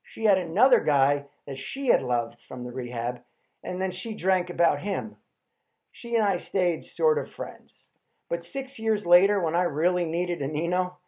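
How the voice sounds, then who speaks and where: A man tells a comic story about his own life in a wry, deadpan way. His delivery stays dry and understated through the jokes. The recording sounds slightly muffled and lo-fi. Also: fairly high pitch, measured pace.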